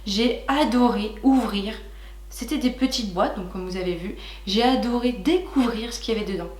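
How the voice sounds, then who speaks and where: A young woman chatting warmly to her viewers while unboxing makeup, gushing and filling pauses with little hesitations. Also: fairly high pitch, reverberant. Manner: chatty and gushing, many fillers, talks to viewers as "licornes". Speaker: beauty vlogger. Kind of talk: casual makeup haul chat.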